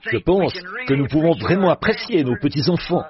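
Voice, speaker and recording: A man's voice: a little high, expressive, moderate pace, crowd noise. An older man preaching to a congregation, folksy and joking as he chats with the people in front of him. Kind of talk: sermon. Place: church platform before a congregation. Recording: muffled old recording, audience heard.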